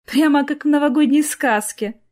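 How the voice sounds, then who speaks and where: A woman's voice: fairly high pitch, animated, normal speed. A woman voicing a coy, charming young woman. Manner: gentle, coy.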